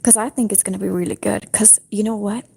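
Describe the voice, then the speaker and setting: A young woman livestreaming in a breathy whisper, rambling casually with lots of fillers from her apartment restroom. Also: medium pitch, steady tone, quick pace, mellow. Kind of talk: whispered casual stream chat.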